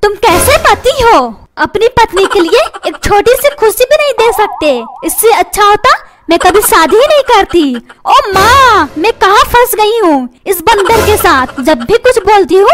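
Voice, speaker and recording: A woman's voice: extremely high pitch, lively intonation, moderate pace, noisy background. A woman voicing a dramatic, nagging cartoon mother who complains about her husband.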